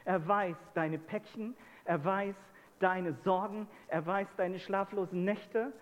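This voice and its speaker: A man's voice: high voice, steady tone, slow pace, in a large hall, dull audio. A man preaching a sermon who keeps putting questions to the congregation. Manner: asks the congregation many rhetorical questions.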